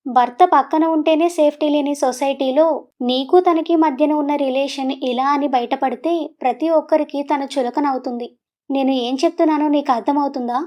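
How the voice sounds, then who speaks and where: A woman's voice: high-pitched, fairly even intonation, moderate pace, dark tone, close to an everyday voice. A woman voicing a stubborn, headstrong young woman who talks in an insistent, coaxing way.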